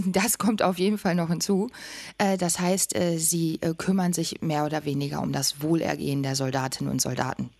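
A woman's voice: low-pitched, steady tone, a little fast, gravelly, a little mellow, no echo. A woman hosting an interview podcast, asking questions and introducing guests. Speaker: podcast host.

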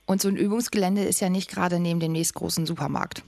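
Woman podcast host, lowish voice, super dry sound, doing an interview. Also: steady tone, fast, gravelly, a little mellow, no echo.

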